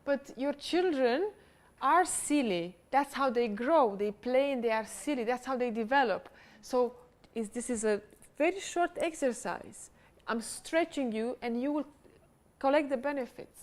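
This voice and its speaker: A woman coaching a pitch workshop, giving direct, encouraging instructions. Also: a little slow.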